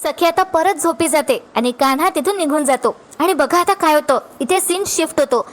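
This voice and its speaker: A woman recapping a TV serial episode as a lively storyteller who keeps calling on her friends to watch what happens. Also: high-pitched, normal speed.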